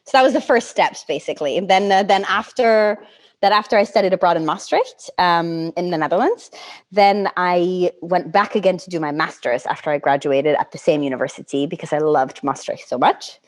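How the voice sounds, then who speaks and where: Female interview guest, thirties, easygoing and halting, somewhat low voice. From Connecticut, United States. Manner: relaxed, hesitant, many fillers. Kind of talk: casual interview answers.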